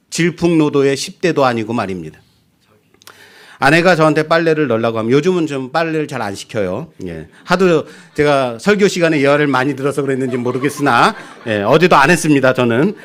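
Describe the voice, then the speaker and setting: Animated, high-voiced male pastor preaching. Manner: lively, animated preaching with acted-out quotes and humor. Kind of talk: sermon. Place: church sanctuary.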